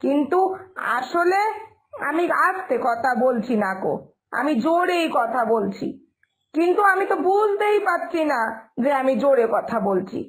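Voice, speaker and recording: A woman voicing a loud, blunt older village mother-in-law in a cartoon, who gossips and cannot lower her voice. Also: animated, slow pace, pauses often. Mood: sheepish. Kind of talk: Bengali cartoon voice acting.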